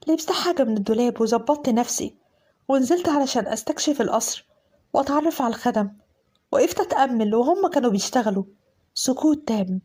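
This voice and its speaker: A woman's voice: high voice, dark tone, slightly rough. A woman with an Egyptian accent narrating a dramatic first-person story with emotional, pleading delivery. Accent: Egyptian Arabic. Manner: emotional, shifting into fearful pleading.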